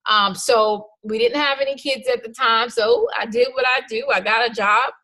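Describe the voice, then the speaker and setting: An upbeat woman in her thirties delivers a motivational workshop talk as a life coach. She tells her own story in a personal, energetic way, with bursts of excitement. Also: on the high side, normal speed.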